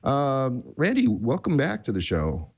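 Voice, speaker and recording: A man's voice: mid-range voice, wildly swooping pitch, unhurried, slightly rough. A man hosting a tech podcast in casual chat, rambling and self-deprecating, with many restarts. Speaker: podcast host.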